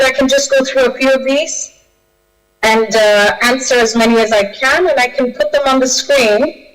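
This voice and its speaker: On a low-quality recording, a woman from Kenya with a high voice takes audience questions as a guest speaker on a video call. She sounds hesitant, often restarting and filling pauses.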